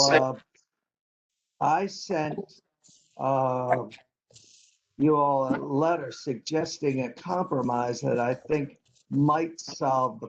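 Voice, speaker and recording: A man on a council, speaking slowly and haltingly from a computer in a remote meeting. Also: mid-range voice, highs cut off, a little hiss or hum. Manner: slow, halting, rambling. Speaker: council member. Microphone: computer mic on a video call.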